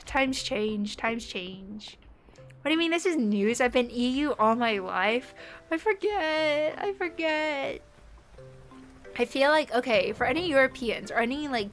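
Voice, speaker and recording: A young woman talks casually to her live stream audience, rambling from one thought to the next. Her voice sits a little high and she fills her sentences with "like". Quiet music plays softly behind her home mic setup. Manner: chatty and rambling, many "like" fillers, light laughs.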